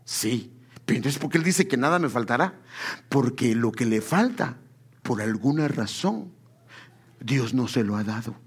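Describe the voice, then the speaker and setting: A man preaching a sermon, speaking to the congregation as brothers and asking them rhetorical questions, drawing out key words slowly for emphasis. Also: mid-range voice, expressive, breathy edge. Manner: addresses listeners as brother, asks rhetorical questions.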